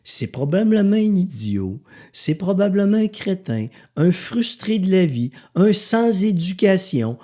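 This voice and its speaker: A Québécois man gives a motivational podcast monologue in a blunt, sarcastic, profane way. His voice sits a little high and leaps around in pitch. He talks straight to the listener as if to a friend. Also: big pitch swings, unhurried, dark tone. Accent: Québécois French. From Quebec. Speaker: podcast host.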